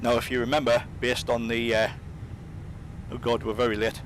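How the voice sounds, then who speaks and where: A man giving a casual, explanatory software demonstration as its presenter. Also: monotone, normal speed. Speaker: presenter of a flight simulator demonstration. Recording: rumbling engine noise behind. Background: simulator aircraft rumble.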